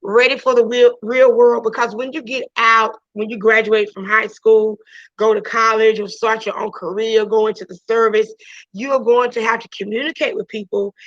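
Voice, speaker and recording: A woman teacher chats loosely with her online class over a video call, restarting often and dropping plenty of "you know"s. Her loud voice sits fairly high, with fairly even intonation and a moderate pace, and there's no room sound. She's at home during the video class, and the call audio is dull and lo-fi.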